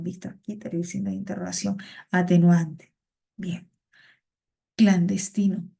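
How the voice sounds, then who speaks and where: A woman with a mid-range, gravelly, mellow voice teaches a vocabulary class over a video call. She's patient, repeating words and greeting students by name.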